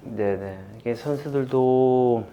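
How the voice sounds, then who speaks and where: A man in his fifties, a football coach, talking through memories in an interview with many pauses and fillers. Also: medium pitch, dark tone, muffled recording, slight background noise. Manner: halting and reflective, many fillers, laughs while retelling. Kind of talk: candid interview.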